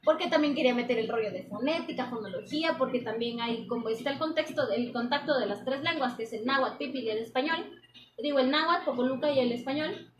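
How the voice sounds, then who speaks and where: Young woman, high voice, roomy echo. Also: fast, crowd noise. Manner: chatty, explains with examples, many fillers. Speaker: interviewee, anthropology student. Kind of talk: casual interview conversation. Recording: echoey room with background noise.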